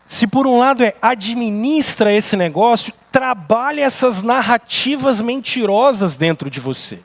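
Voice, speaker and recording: A Brazilian-accented male pastor preaches with a very high voice for a man. He drives his points home with emphasis and one rhetorical question after another. It sounds like a sermon given in a church sanctuary. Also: expressive, a little slow. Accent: Brazilian Portuguese.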